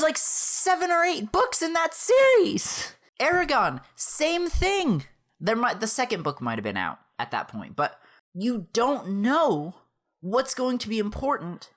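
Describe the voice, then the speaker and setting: A young woman in her twenties ranting a movie review straight to camera, exasperated, breaking into laughter and yelling between calmer stretches. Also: a little high. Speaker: YouTube reviewer. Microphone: camera mic, facing the camera.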